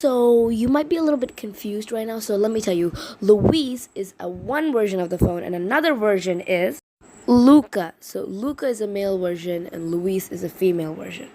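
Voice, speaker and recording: A woman in a casual vlog, her voice a little rough from being sick, chatting in a rambling way and correcting herself. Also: mid-range voice, moderate pace, dark tone. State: slightly sick voice. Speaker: vlogger presenting an invented world.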